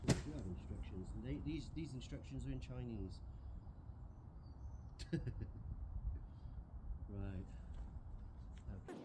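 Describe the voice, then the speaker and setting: A man's voice: mid-range voice, animated, slow, pauses often, heavy background noise. A man casually vlogging to camera outdoors in the woods, chatty and self-mocking as he sets up a tent. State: out of breath. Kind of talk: casual camping vlog.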